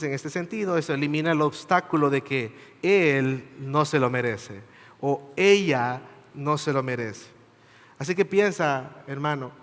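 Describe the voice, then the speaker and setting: A man delivers a sermon in a voice pitched a little high. He talks earnestly, asking the congregation questions and checking in with short tags as he goes. The sound rings out with the long reverb of a large church hall. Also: fairly bright tone. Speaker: preacher.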